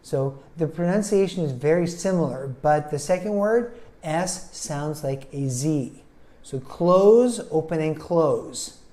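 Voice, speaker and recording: A man teaching English pronunciation, speaking slowly and deliberately and sounding words out syllable by syllable. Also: on the high side, animated, warm tone.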